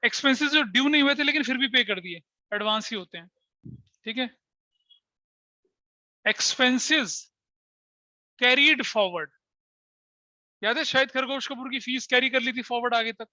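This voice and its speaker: A man's voice: extremely high pitch, pushed and bright, no room sound, highs cut off. A male accounting teacher giving a classroom lecture, explaining terms by asking questions and answering them himself, slipping into English phrases.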